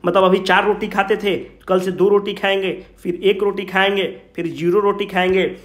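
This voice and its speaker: Speaking flatly at a moderate pace, a high-pitched man with a Bihari Hindi accent reviews exam material informally as a coaching teacher. He asks and answers his own questions, driving home key points in simple speech; his slightly bright voice echoes heavily around the room.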